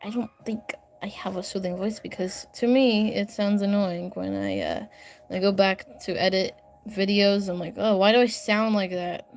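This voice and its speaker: This young woman, an artist livestreaming from her upstairs bedroom, speaks at a moderate pace with a medium pitch and a steady tone. There's a little hiss or hum in the audio as she chats casually, rambles, giggles and gets sidetracked reading comments.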